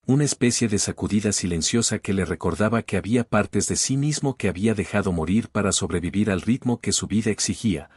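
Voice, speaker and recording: Low, husky male storyteller. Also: darkish tone, no room sound, clean studio sound. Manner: slow, measured and reflective. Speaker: narrator. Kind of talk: scripted storybook narration.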